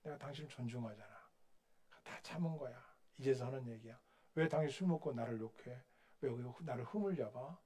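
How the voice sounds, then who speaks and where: A man's voice: medium pitch, fairly quick, dark tone, lightly acted. A male pastor quoting a middle-aged wife who firmly scolds her husband in a sermon. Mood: firm reproach.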